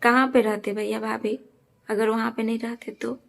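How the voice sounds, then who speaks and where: A young woman speaks straight to her viewers in a casual vlog. Her voice sits a bit high and gravelly, with a flat, even melody as she earnestly and defensively repeats her points. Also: normal speed. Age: young adult. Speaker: vlogger. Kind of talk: casual talk to camera.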